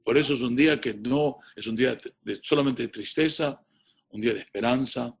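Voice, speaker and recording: A man's voice: medium pitch, a little fast, husky. A man, a rabbi, giving a sermon and retelling a story in a solemn way, often restarting his words.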